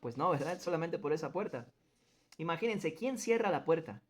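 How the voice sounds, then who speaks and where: A man's voice: fairly high pitch, lively intonation, normal speed. Earnest man leading a Bible study. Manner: earnest teacher who quizzes the group and stresses points.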